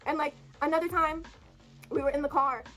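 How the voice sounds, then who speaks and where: A woman's voice: sits high, fairly even intonation, brisk, a bit bright, faint music behind. A young woman venting in a confessional vlog, rambling and profane, full of fillers and apologies. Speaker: vlogger telling her side of a breakup.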